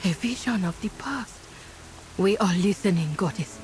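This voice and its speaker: A woman's voice: mid-range voice, moderate pace, darkish tone, close to an everyday voice. A woman voicing a solemn, reverent female troll follower of a goddess in a video game.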